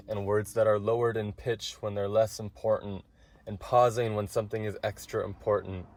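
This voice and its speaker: Male guest, low-ish voice, earnest explainer, conversational. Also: a little mellow. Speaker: guest Torah reader.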